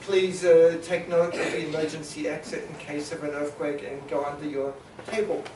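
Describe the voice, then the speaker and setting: A man with a slightly high voice facilitates a panel discussion, speaking haltingly with frequent pauses, filler sounds and restarts as he summarizes. He is a New Zealander whose first language is Maori. The echoey conference hall recording catches him from a distance, with a steady hiss underneath.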